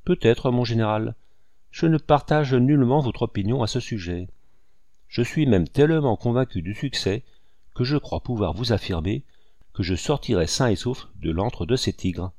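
A man reading aloud voices a calm, resolute male hunter who speaks coolly and firmly. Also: medium pitch, dry recording, studio quality, close to an everyday voice. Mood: cold. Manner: cool, firm and measured.

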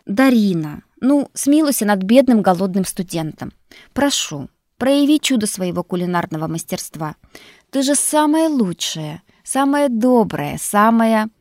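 A woman voicing a cheeky young male student who whines and flatters to get fed. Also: mid-range voice, normal speed, dry recording, clean studio sound, lightly acted. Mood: wheedling. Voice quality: wheedling, whiny when pleading. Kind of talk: audiobook character voice.

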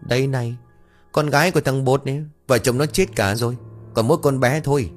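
A man playing a kindly, stubborn village man near fifty who coaxes a child gently and bickers with his wife. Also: mid-range voice, a little fast, faint music behind, voice pushed up, close to an everyday voice. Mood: coaxing.

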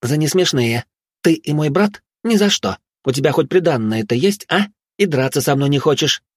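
A man's voice: fairly high pitch, expressive, moderate pace, breathy edge, no echo, pitched above the performer's own voice. A brash young woman fighter with a teasing, snappy tongue, as a man voices her in a storybook. He lifts his voice well above his own. Dry, close sound. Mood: mocking. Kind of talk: audiobook character voice.

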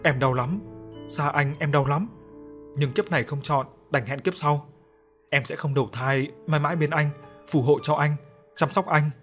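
A man's voice: on the high side, normal speed, a bit bright, lightly acted. A man voicing the ghost of a grieving young woman who pleads tearfully, with faint music behind. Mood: pleading, mournful.

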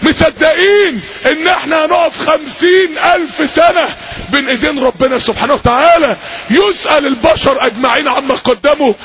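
High-voiced, shouting Egyptian preacher. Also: male voice, a little fast. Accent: Egyptian Arabic. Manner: impassioned, often shouting, repetitive. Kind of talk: fiery sermon to a gathering. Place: public gathering. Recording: dull lo-fi recording with faint hiss.

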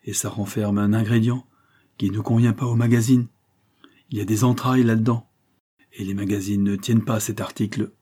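A man's voice: on the low side, steady tone, a little fast, warm tone, husky. A male audiobook reader voicing a sardonic, fearless, frail man with a cutting, sneering delivery. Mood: mocking.

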